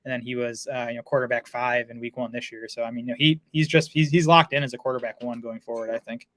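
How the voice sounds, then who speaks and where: Fast-talking man, dry close sound. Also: medium pitch, little pitch movement, a bit bright, no room sound. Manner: fast, lots of filler words and restarts. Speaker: fantasy football analyst. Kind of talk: casual podcast chat.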